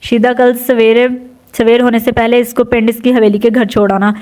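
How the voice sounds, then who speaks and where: A woman's voice: a little high, level tone, darkish tone, close to an everyday voice. Brief: arrogant cruel village landlord, scornful, voiced by a woman narrator. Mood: contemptuous. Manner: contemptuous, bullying.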